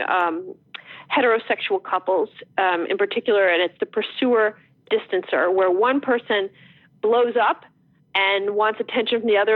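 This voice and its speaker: A middle-aged woman from New Jersey, an author guest telling stories in a lively, animated way with quick restarts. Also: medium pitch, no room sound. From New Jersey, USA. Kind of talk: casual interview chat. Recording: tinny phone line, dry.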